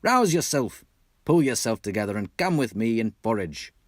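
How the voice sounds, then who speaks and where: A man voicing a cheery, brisk male rat in a storybook, hearty and encouraging, with a put-on British accent. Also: fairly low pitch, big pitch swings, dry recording, clean studio sound. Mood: reproachful, rallying. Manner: hearty, exclaiming, bossily encouraging.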